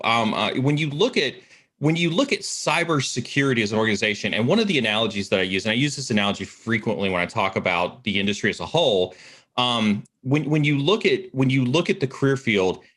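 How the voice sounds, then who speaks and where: A mid-pitched man answers interview questions with eager energy. He often doubles up words at the start of his sentences and keeps the tone casual and upbeat. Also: very animated, brisk, a bit bright. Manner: enthusiastic, repeats words when starting sentences. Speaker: cybersecurity guest expert.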